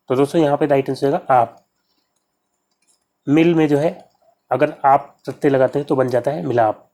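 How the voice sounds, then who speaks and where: A man's voice: mid-range voice, darkish tone. A man teaching exam-prep grammar, working through practice questions one by one and repeating key terms as he explains. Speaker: Hindi exam tutor.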